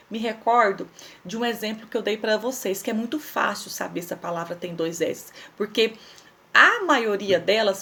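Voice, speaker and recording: A woman teaching young children in a recorded lesson, patiently spelling out words and asking questions she answers herself. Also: mid-range voice. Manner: patient, explains slowly and spells things out, asks questions and answers them herself. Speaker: primary school teacher.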